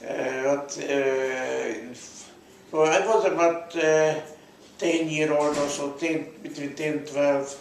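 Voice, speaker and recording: A man in his eighties from Hungary, recalling events slowly with many pauses and fillers as an interviewee. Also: on the high side, steady tone, creaky, reverberant, a little hiss or hum, low-quality recording. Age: 80s. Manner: halting, many fillers, searching for words. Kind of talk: hesitant recollection.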